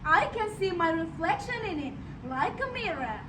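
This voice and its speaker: A woman's voice: very high-pitched, very animated, moderate pace. A young female student performing dramatic choral recitation with exaggerated, exclamatory stage delivery. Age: school-age young performer. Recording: echoey hall, distant mic, noisy.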